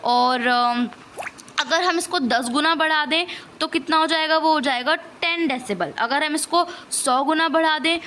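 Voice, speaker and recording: A woman teacher explaining a science lesson, mixing Hindi and English and slowly dictating answers. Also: sits high, sharp tone, a little hiss or hum.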